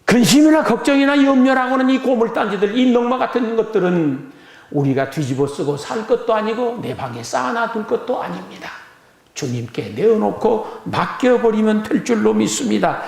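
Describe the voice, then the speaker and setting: High-voiced preaching pastor in echoey church. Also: male voice, animated, moderate pace, gravelly, a little mellow. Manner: emphatic preaching with rhetorical questions; repeats phrases for emphasis. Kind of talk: Sunday sermon. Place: church sanctuary.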